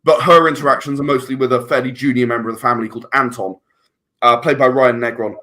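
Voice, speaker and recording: Fast, forceful and bright, his mid-range voice holds a steady tone. He is being interviewed on a podcast as a filmmaker and audio drama writer, chatting casually while rambling and repeating words in search of his phrasing.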